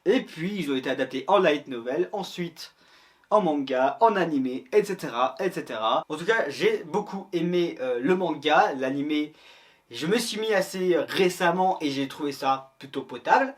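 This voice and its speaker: A man's voice: on the high side, animated, normal speed. A man hosting a casual, comedic anime and manga review, jokey and crude with self-mocking banter.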